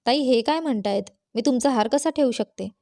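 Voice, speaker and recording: Storybook figure: a woman reading a meek, hesitant young daughter-in-law, fairly high, mellow. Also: brisk, no room sound, clean studio sound, close to an everyday voice. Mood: timid. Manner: timid, hesitant.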